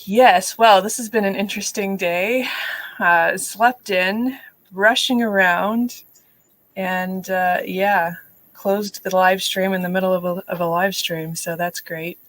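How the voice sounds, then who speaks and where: On her live writing-sprint stream, a middle-aged host chats casually, shares stories and laughs often. She speaks slowly at medium pitch with fairly even intonation and a fairly bright tone, though the recording is rough.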